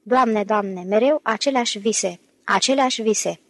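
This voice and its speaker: A woman's voice: a little high, no echo, lightly acted. A woman voicing a wailing old whiskered man. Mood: lamenting. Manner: lamenting, exclamatory. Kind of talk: audiobook character reading.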